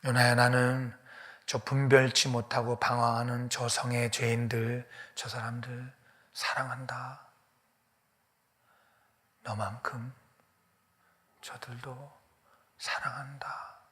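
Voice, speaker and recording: God, loving fatherly figure, pleading and intense, voiced by a male preacher; high, ringing voice. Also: very animated, measured pace, full character voice. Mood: hushed tender. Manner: impassioned, rising to loud cries, then falling to a hushed whisper. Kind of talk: sermon with dramatized dialogue.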